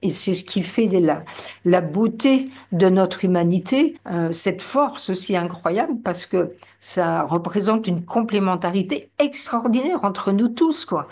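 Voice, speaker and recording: A woman guest on a panel talks in an earnest, emphatic way. Her pitch sits in a middle range, and she hesitates often as she makes her points. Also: lively intonation, a little slow, darkish tone. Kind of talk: panel discussion.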